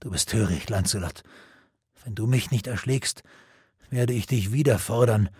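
A stubborn, proud knight from an audiobook, as a male reader puts him on. The voice is husky and dry, with no room around it. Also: lowish voice, moderate pace, darkish tone, no room sound. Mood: weak. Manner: defiant, then weak and breaking. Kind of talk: audiobook reading.

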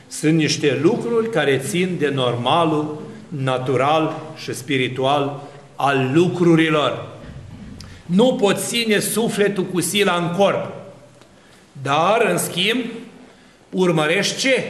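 A man's voice: fairly high pitch, lively intonation, a bit bright, echoey room. A man preaching an Orthodox sermon, asking rhetorical questions and building long spoken lists. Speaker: Orthodox priest.

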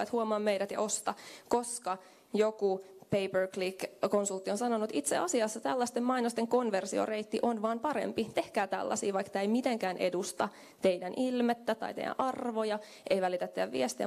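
A young woman delivers a conference keynote into a handheld microphone before a small audience in a hotel meeting room. She speaks conversationally, thinking aloud with fillers, in a mid-range voice with a darkish tone.

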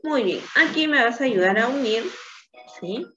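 A woman's voice: fairly high pitch, expressive, normal speed, a bit bright, dull audio, faint music behind. A woman teacher leading a patient phonics lesson for children, often checking in with "¿sí?".

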